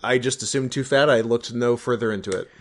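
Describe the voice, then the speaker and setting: A man co-hosting a casual podcast, tossing out crude, deadpan quips. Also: medium pitch. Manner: dry, crude jokester, quick deadpan quips. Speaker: podcast co-host.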